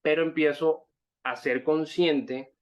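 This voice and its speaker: Speaking slowly in a fairly high voice with fairly even intonation, a Santa Marta-born man of thirty-five with a Barranquilla accent offers a network marketing testimonial. He is long-winded and keeps looping back over what he has said to the online group. The sound is the muffled, dull kind typical of online calls.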